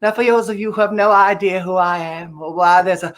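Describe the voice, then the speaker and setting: A woman's voice: on the low side, fairly even intonation, a little fast, natural voice. A woman playing a grand, campy drag-queen-style Eastern European countess and cabaret diva, with a vaguely Eastern European accent and effusive, stammering, theatrical delivery. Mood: gushing, playful. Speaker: cabaret performer and host. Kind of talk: livestreamed cabaret chat with piano songs. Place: at home in an apartment. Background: piano music.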